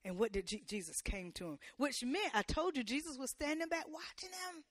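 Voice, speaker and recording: A woman's voice: high voice, expressive, fairly quick, no echo, clean studio sound. Woman preaching in church, fervent and folksy. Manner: call-and-response preaching, rising to loud emphatic peaks; colloquial, playful asides to the congregation. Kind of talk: sermon.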